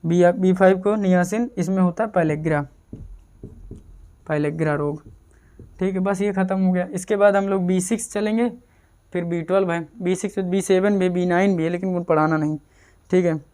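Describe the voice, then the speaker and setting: Smooth-voiced male teacher drilling terms. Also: sits high, steady tone, normal speed, mellow. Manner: repetitive drilling, asks and answers own questions. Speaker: chemistry teacher. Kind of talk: casual exam-prep lecture.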